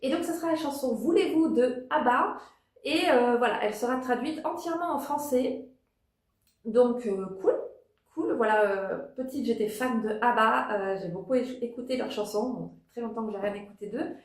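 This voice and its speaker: A woman's voice: a little high, normal speed. A woman giving a casual spoken review as a vlogger, hesitant, with many fillers and restarts. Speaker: vlogger reviewing a TV talent show. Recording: echoey room.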